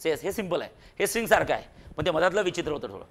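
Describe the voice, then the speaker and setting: A man's voice: fairly high pitch, sing-song, racing, vocal fry. A man teaching a physics class in a classroom, quizzing and teasing his students with jokes. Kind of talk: classroom lecture.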